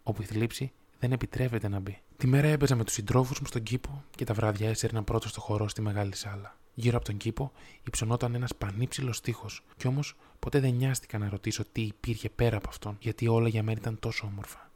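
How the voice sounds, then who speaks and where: A man voicing a sorrowful male prince statue, speaking in a low, soft, musical voice. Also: steady tone, natural voice. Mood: wistful.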